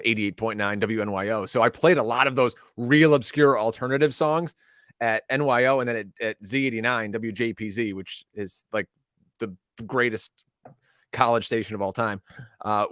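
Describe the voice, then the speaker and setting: A man co-hosting a podcast who tells animated, emphatic stories in casual chat. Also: fairly low pitch, dry recording, clean studio sound. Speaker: podcast co-host.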